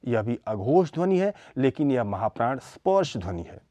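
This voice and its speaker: A man giving a scripted lesson on speech sounds, reading them out one by one in a slow, deliberate way. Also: mid-range voice, sing-song, warm tone, no echo. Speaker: lecturer. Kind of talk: scripted educational lecture.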